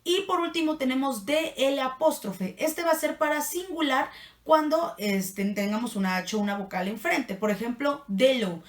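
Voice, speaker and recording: A woman's voice: sits high, lively intonation, normal speed, distant mic. Chatty woman teaching French. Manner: chatty and playful, laughs at her own asides. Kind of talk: casual online language lesson. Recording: echoey room, voice set back from the mic.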